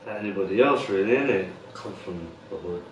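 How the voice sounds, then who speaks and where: A man's voice: low-pitched, a little fast, echoey room, far from the mic, lo-fi sound, a little hiss or hum. A man with a London accent, talking as a guest in a casual interview, in laid-back street slang with plenty of fillers. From West London.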